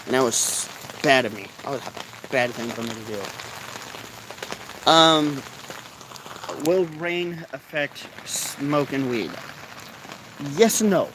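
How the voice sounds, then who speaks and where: A stoned man with a mid-pitched voice rambles casually to his viewers. He is laid-back and meandering in how he talks. He is recorded outdoors, with a faint noise of rain behind him. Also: slow, long pauses. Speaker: vlogger. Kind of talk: casual rambling chat to camera. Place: outdoors in rainy, cold weather. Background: light rain.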